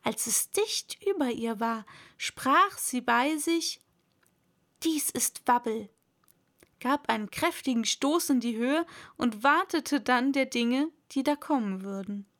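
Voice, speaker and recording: Slow, high-voiced woman reading a storybook. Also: lively intonation, fairly bright tone. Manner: slow, measured, drops to a whisper at times. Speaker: narrator.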